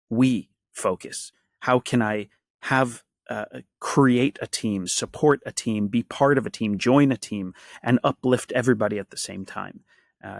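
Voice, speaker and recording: A man's voice: mid-range voice, creaky, no room sound, clean studio sound. A man from the Washington, D.C. area, a guest in an interview, speaking earnestly and reflectively in long lists. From Washington, D.C. area, USA. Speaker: guest, actor and activist. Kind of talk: conversational interview.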